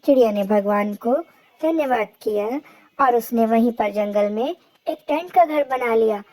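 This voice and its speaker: A woman narrating a children's cartoon story in a simple, even storytelling manner. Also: on the high side, moderate pace.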